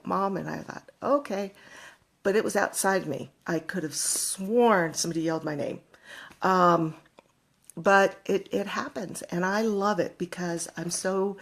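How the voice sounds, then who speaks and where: A middle-aged woman talking casually to viewers as a psychic medium, chatty, with frequent ums and laughs. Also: on the low side.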